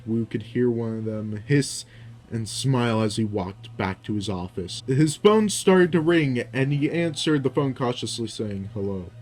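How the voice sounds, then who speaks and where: A young man narrating his own fan fiction aloud, in a steady storytelling manner with small slips and restarts. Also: medium pitch.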